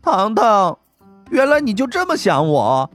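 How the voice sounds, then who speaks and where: A man's voice: high-pitched, big pitch swings, fairly quick, faint music behind, pitched above the performer's own voice. A man voicing a cheeky, playful baby-faced young man who teases in a chirpy, singsong way. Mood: sulky.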